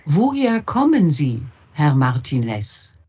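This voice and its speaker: A woman reads a scripted textbook dialogue slowly, her low voice warm and lively. There is a breathy softness to it, and the playback sounds muffled. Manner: slow, clearly articulated. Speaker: speaker in a language-course audio. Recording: muffled course audio played over a call.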